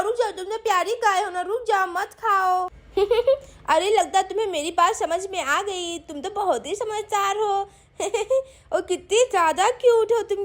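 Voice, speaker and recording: A woman voicing a cheerful young village girl in a doll story, coaxing and pleading in a sing-song way. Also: very high-pitched.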